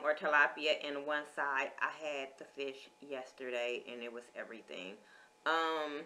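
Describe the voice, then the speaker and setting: A woman's voice: deep voice, pushed and bright. A woman vlogger, chatting casually as she lists menu items and reviews food. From American.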